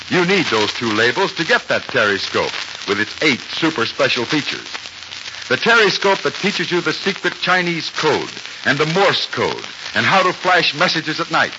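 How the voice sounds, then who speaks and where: An American man announcing in 1940s old radio style, talking like a chummy salesman addressing children. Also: a little high. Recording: noisy, muffled 1940s radio recording.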